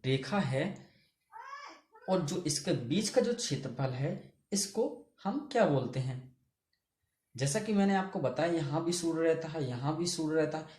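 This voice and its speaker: A man's voice: fairly high pitch, darkish tone, echoey room. A man teaching a geography lesson who keeps asking the class questions and answering them himself. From India.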